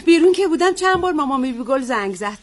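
A woman's voice: sits high, lively intonation. An actress playing a screenwriter wife who nags her husband indignantly. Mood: nagging. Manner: nagging, indignant.

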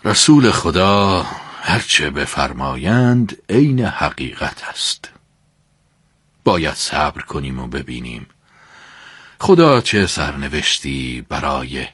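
A man voicing a devout male companion in a religious story, speaking earnestly and slowly. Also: deep voice, sing-song, a bit bright, slightly rough, dry recording, clean studio sound, heavily acted. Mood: solemn.

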